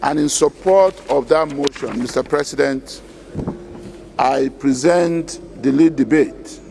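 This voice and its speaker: A man's voice: medium pitch, slow, vocal fry, a little mellow, a little hiss or hum. A man with a Nigerian accent delivering a formal parliamentary speech as a senator leading a debate. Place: legislative chamber.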